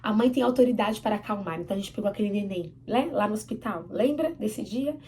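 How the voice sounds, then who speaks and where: A woman's voice: medium pitch, lively intonation, quick pace, a little mellow, slight background noise, rough recording. A woman with a Brazilian Portuguese accent giving a church teaching, earnest and emphatic, asking the audience for amens.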